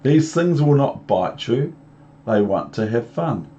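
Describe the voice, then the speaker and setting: A man with a New Zealand accent voicing a playful, confident cat showman from a children's storybook, with emphatic, drawn-out delivery. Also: mid-range voice, expressive, mellow, dull audio, a little hiss or hum. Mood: proud announcing.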